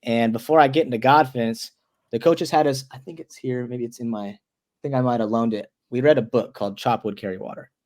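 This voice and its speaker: A young man in his twenties, a wrestler and guest, talking earnestly in a casual interview and tripping over his words when excited. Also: mid-range voice, brisk. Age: 20s.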